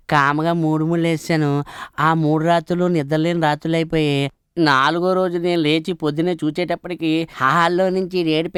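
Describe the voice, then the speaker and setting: A man's voice: on the high side, smooth, no room sound, clean studio sound, close to an everyday voice. An actor playing a henpecked office clerk who ruefully tells how he was tricked into marriage. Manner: rueful storytelling. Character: henpecked office clerk telling his sorry tale.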